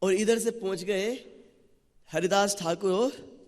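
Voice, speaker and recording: A man with a high-pitched voice preaches in a temple hall, telling the story in an animated way. A long echo trails after each phrase he speaks. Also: takes it slowly. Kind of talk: sermon. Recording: long reverb of a large hall.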